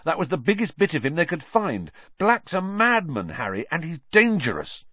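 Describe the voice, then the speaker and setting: A man doing a sharp, hot-headed schoolboy. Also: a little high, very animated, moderate pace, no room sound, muffled recording, voice pushed up. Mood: furious. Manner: sharp, raised and heated. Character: blunt, tense teenage schoolboy.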